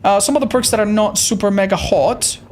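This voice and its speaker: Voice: mid-range voice, a little fast, darkish tone, slight background noise. A game streamer giving casual live commentary in an informal, sweary way, talking straight to viewers. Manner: informal, sweary, addresses viewers as man and dude.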